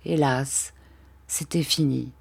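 Slow, low-voiced woman reading a story. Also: steady tone, gravelly, husky. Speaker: narrator.

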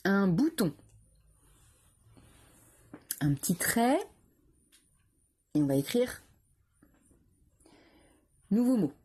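Female teacher, patient dictation, soft husky tone, lively pitch. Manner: slow, careful, syllable-by-syllable dictation with repetitions. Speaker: primary school teacher. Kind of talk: dictation lesson for young pupils.

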